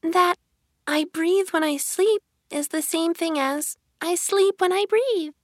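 A woman's voice: very high-pitched, slow, no echo, clean studio sound, voice pushed up. A woman voicing a drowsy little storybook dormouse that sounds as if it talks in its sleep. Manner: sleepy, dreamy. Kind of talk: storybook character reading.

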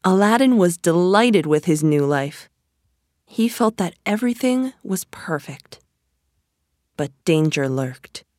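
A woman narrates a storybook at a very slow, measured pace in a somewhat low voice. Her delivery is clear and steady, and the recording is dry and close-miked. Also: dry recording. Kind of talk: storybook read-aloud.

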